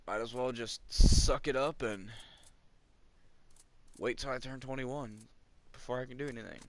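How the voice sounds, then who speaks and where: A twenty-year-old man chats casually while playing a video game, ranting and complaining with chuckles between remarks. His mid-range voice holds a steady tone at a moderate pace.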